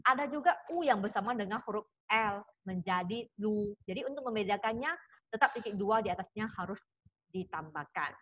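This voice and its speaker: A woman's voice: medium pitch, animated, brisk, a bit bright. A woman teaching a Mandarin pronunciation lesson, patient and reassuring, repeating example sounds for her students. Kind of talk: recorded class lesson. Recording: dull lo-fi audio with faint hiss.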